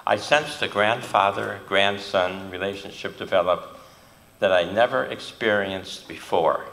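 An older man tells stories from the lectern, earnest and emphatic, with pauses that land his points. His low voice has a gravelly edge and a bright, forceful ring. The sound rolls around a large, echoey hall. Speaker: lecturer. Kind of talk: storytelling lecture.

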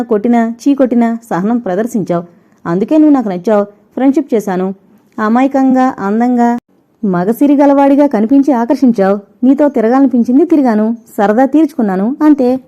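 A woman voicing an arrogant, scornful rich young woman who talks in quick, cutting bursts, on a dull lo-fi recording. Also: mid-range voice, warm tone, close to an everyday voice.

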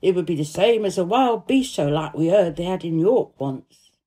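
A woman playing a cheerful, warm-hearted young housemaid who gossips eagerly in broad Yorkshire dialect, in a storybook reading. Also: fairly low pitch, lively intonation, normal speed, breathy edge. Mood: delighted.

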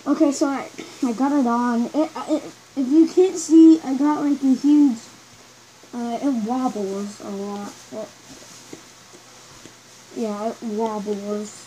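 A woman reviewing gear while speaking through a gas mask, halting and unsure as she tries to talk louder. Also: fairly high pitch, steady tone, a little hiss or hum, rough recording. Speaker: product reviewer. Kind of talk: casual product review.

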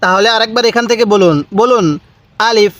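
A man teaching beginners to read Quranic letters, going slowly, repeating each letter and asking listeners to say it after him. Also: high voice. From Bangladesh. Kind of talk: step-by-step letter lesson.

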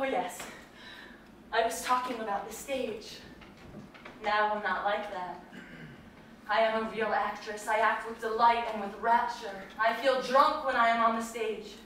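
Brief: woman playing wistful, unraveling young actress; slow, slightly high, distant in a reverberant theater. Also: a little hiss or hum. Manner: dreamy, wandering, drifting between hush and outburst. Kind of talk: stage play performance. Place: theater stage. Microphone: distant room mic. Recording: echoey theater taped from far off.

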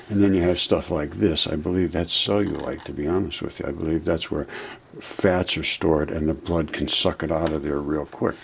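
A man's voice: low-pitched, creaky, a little hiss or hum. A man giving a rambling informal video lecture in front of a screen, addressing viewers as his friends. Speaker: channel host presenting his own theory. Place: indoors in front of a monitor.

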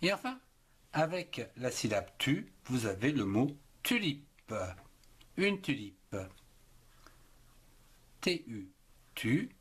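A man gives a slow spelling lesson, sounding out words letter by letter and syllable by syllable at an extremely unhurried pace. His voice is husky and his pitch swings up and down in a lively, sing-song way. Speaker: writing teacher.

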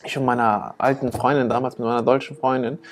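A man's voice: mid-range voice, level tone, quick pace, faint music behind. A man casually telling a story on a podcast, acting out the dialogue with lots of "ich so, die so". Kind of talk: casual chat.

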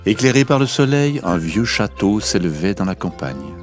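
A man narrating a children's story, slow and melodic. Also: fairly low pitch, sing-song, soft background music.

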